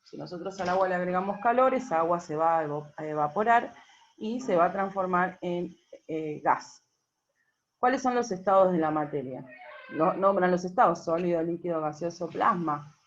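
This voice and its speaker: A woman's voice: on the low side, moderate pace. A woman teacher explains a worksheet patiently, checking in often with the class. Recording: dull lo-fi recording.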